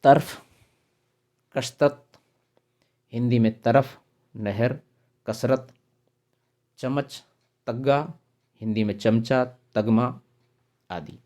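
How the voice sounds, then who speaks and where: A man's voice: mid-range voice, darkish tone. A man teaching a grammar lesson, reading out lists of example words one at a time. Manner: slow, listing word examples one by one.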